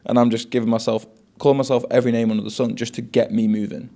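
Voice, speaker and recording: A man's voice: medium pitch, flat delivery, quick pace, vocal fry, warm tone. A man coaching and hosting a casual interview, rambling along with lots of "like" and "mate". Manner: chatty, rambling, peppered with "like" and "mate".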